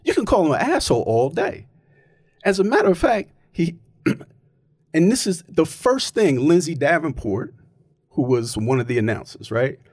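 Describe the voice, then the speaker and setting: A man's voice: on the high side, sing-song, normal speed, darkish tone, dry recording, clean studio sound. A man in casual, opinionated chat, arguing his point emphatically and often checking in with "right?".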